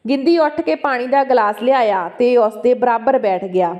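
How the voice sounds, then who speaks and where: A woman's voice: on the high side, normal speed, darkish tone, highs cut off. A woman with a Punjabi accent reading a story aloud as narrator, voicing the dialogue along with the narration.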